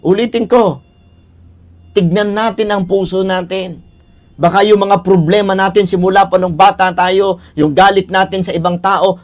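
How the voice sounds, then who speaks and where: Earnest man teaching the Bible. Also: sits high. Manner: earnest, addresses listeners as brothers and sisters; repeats key phrases for emphasis. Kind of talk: Bible teaching on child discipline. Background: faint music.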